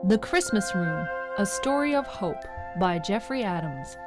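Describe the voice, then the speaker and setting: Over bell-jingling music, a female narrator tells a scripted radio serial storybook-style, recapping the story and speaking to listeners directly. Her mid-range voice has lively intonation, and her pace runs a little slow.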